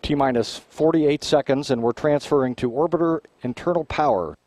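Measured male launch countdown commentator, dry sound. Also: on the high side, darkish tone, no room sound. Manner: measured, clearly announced, technical.

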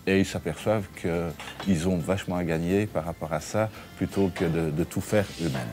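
A man in his forties, a restaurant owner, talking in an interview in a relaxed, chatty way, with fillers and restarts. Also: sits low, moderate pace, over music. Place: his restaurant dining room.

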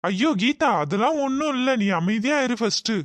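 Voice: mid-range voice, lively intonation, normal speed, no room sound, natural voice. A voice actor playing an earnest, helpful young man in a cartoon, speaking in a soothing, reassuring way. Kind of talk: cartoon voice acting.

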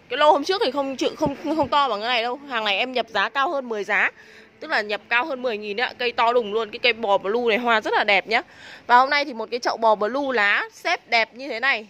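Selling plants in a covered nursery shop, a northern Vietnamese woman with a sharp tone delivers a casual, pushy live pitch while walking through her products. The handheld phone filming behind the camera picks up plenty of ambient noise.

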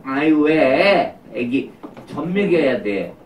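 A busy, loving mother speaks in a fond, gently chiding way, as a woman puppeteer plays her. She talks slowly, and the voice sounds roomy and somewhat distant, with faint noise behind. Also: low-pitched, lively intonation. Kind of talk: live puppet show for preschoolers. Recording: roomy, distant live room recording.

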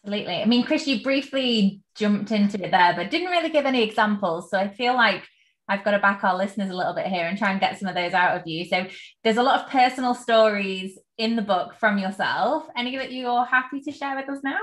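A woman's voice: mid-range voice, expressive, a little fast, fairly bright tone. A woman hosting a podcast interview, prompting her guest in a friendly, conversational way. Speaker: podcast host.

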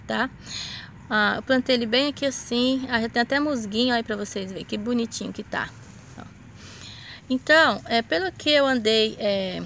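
A woman's voice: fairly high pitch, fairly bright tone, a little hiss or hum. A woman with a Brazilian Portuguese accent, chatting casually as she shows her plants to a phone camera, full of diminutives and little tag questions. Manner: chatty, affectionate, lots of diminutives and "né?". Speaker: orchid grower vlogger. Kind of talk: casual show-and-tell vlog. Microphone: phone camera held close.

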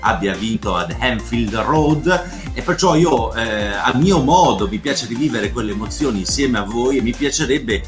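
A middle-aged man from Italy chatting casually and commenting on football highlights in an animated, repetitive way over a video call. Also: normal speed, faint music behind. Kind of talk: casual chat and informal match commentary. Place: home room, video call. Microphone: computer microphone on a video call.

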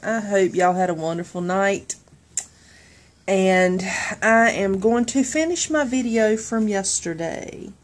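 A woman's voice: mid-range voice, takes it slowly. A woman, chatting casually to the camera, laughing often. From southern United States. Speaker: vlogger. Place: in a car, then at home indoors. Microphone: phone camera at arm's length.

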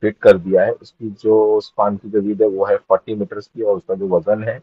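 Deep flat husky voice-over man. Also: brisk, dry recording, lo-fi sound. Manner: informative, steady, lists facts and figures. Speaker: motovlogger. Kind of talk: voice-over explanation.

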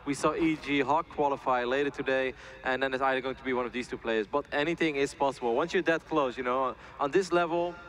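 Guy casting a live esports match, talks really quick, chatty and upbeat, voice sits mid-range. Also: mid-range voice, fairly bright tone. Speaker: esports caster. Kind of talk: live game commentary.

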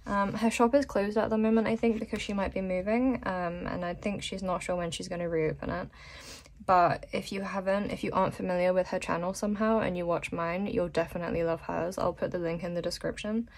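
A woman's voice: lowish voice, steady tone, fairly quick. Chatty woman, under the weather. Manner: chatty, rambling, many ums and laughs. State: sick and a bit weak. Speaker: vlogger. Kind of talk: casual chat to camera.

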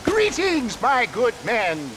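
An older travelling huckster in a Western game. His voice sits high and he talks in flowery, theatrical patter, pompous and sly. Steady background noise runs behind him. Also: slow pace, full character voice. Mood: showy sales pitch. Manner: florid, pompous, showman-like patter. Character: grandiloquent, crafty older travelling snake-oil salesman.

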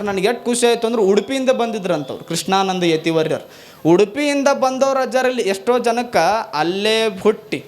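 A man with a North Karnataka Kannada accent, a monk giving a sermon as folksy storytelling full of rhetorical questions. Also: high voice. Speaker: monk giving a spiritual discourse.

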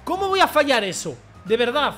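A young man streams his football game with a very high voice. He mutters complaints, then bursts into shouts at every goal and miss. Music plays faintly behind him. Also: sing-song, brisk. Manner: rants, pleads and shouts at the game, swings from mutters to yells. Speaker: gaming streamer. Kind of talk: excited gameplay commentary.

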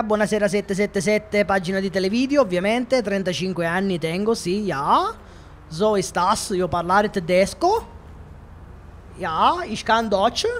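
A man's voice: sits high, fairly bright tone, a little hiss or hum. A man from Catania with a Sicilian accent, joking and chatting with viewers while streaming a police game. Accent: Sicilian Italian. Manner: playful, joking, talks to chat. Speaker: gaming streamer. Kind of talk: live gameplay commentary.

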